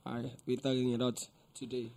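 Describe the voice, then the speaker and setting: A man's voice: medium pitch, completely flat delivery, moderate pace, gravelly, a little mellow. A man co-hosting with casual banter and short slangy interjections. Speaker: podcast co-host.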